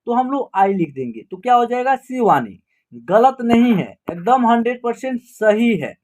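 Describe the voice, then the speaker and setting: A woman's voice: a little high, darkish tone. A woman teaching an online class in Hindi, spelling out words step by step and asking and answering her own questions. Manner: asks and answers her own questions, repeats each word slowly.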